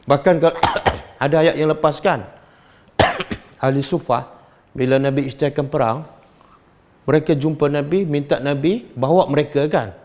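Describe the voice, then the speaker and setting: A middle-aged man with a Malaysian Malay accent, giving a religious study lecture and questioning his audience in an animated, teasing way. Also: fairly high pitch, normal speed, long pauses. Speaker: religious teacher.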